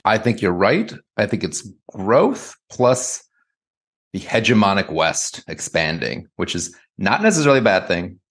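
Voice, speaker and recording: A man from the United States speaks as an interview guest, working through his answers with a lot of hedging. His voice is very low. He talks in a loose, thinking-aloud way. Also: big pitch swings, unhurried, a bit bright. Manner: thoughtful, hedging, many "kind of" and "like". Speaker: guest author.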